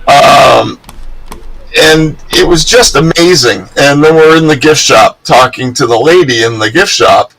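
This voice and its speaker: A man co-hosting a live stream, telling a story in a casual, animated way and laughing often. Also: a little high, unhurried, gravelly, poor audio. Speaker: co-host.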